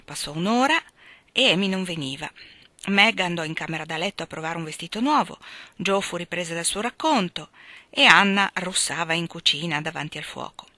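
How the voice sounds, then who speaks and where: A woman reading a classic novel aloud as an audiobook, with steady, expressive narration. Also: on the low side, a little fast, no room sound. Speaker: reader.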